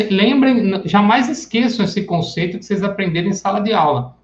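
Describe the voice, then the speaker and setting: A man teaching psychoanalysis in a live online lecture. He talks in a casual, chatty way and acts out everyday examples. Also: high voice. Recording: echoey room, dull lo-fi sound.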